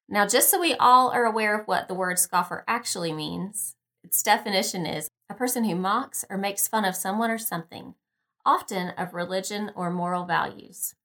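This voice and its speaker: In a mid-range voice, a woman guides meditation and reads scripture for her devotional podcast, with music in the background. Her delivery is calm, unhurried, and softly instructive.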